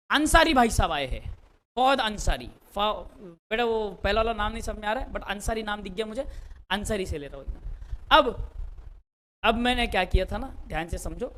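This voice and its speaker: A man's voice: sits high, moderate pace, pauses often, a bit bright, slight background noise. A man teaching an accounts lecture live, joking with his viewers and repeating words for effect. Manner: playful, jokey, acts out little scenes.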